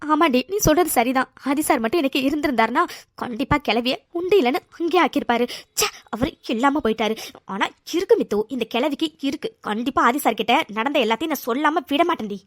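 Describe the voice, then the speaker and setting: A woman's voice: high voice, animated, quick pace, no room sound, clean studio sound. A woman voicing a loyal young woman friend in a cartoon, emphatic and coaxing. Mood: protective. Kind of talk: cartoon voice acting.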